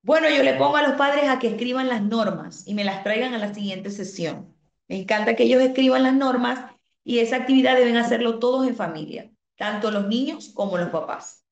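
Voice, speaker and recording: A woman teaching an online parenting class, explaining calmly, reading out comments from students and asking the class questions. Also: on the high side, a little fast, gravelly, reverberant, lo-fi sound. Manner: asks the class rhetorical questions.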